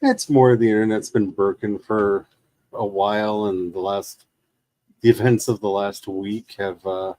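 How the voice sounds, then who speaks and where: A man's voice: fairly low pitch, steady tone, measured pace, mellow, no room sound. A man hosting a casual gaming stream, chatting in wry, rambling asides. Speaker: livestream host. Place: room shared with second speaker.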